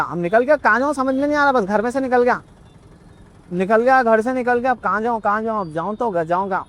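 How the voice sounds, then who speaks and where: A man's voice: very high-pitched, a bit bright. A young man telling a rambling, repetitive personal story in a casual vlog. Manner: rambling, repetitive, emotional retelling.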